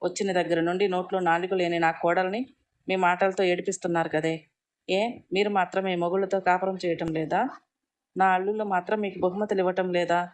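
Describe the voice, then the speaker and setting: A woman's voice: fairly low pitch, steady tone, a little fast, close to an everyday voice. A woman voicing an affectionate middle-aged mother-in-law in a storybook reading, soothing and motherly. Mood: scolding.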